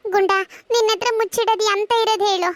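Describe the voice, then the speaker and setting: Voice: very high-pitched, steady tone, quick pace, no room sound. A performer voicing a sulky, whiny cartoon schoolboy who talks through tears. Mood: sulky tearful. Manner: whiny, tearful pleading. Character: Tammanni, sad, sulky schoolboy. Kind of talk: cartoon voice acting.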